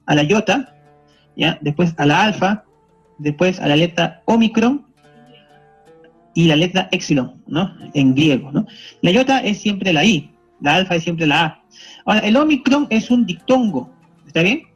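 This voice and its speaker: A high-pitched man, checking in after almost every point. The audio is dull and lo-fi, with faint music behind. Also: expressive, a little slow, long pauses, husky. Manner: didactic, constantly checking in with the audience. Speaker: teacher. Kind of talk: recorded classroom explanation.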